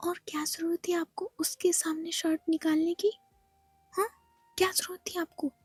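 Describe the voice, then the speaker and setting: A woman's voice: very high voice, level tone, moderate pace, no echo, clean studio sound. A woman voicing a jealous, possessive young woman in a whispered role-play, scolding sharply.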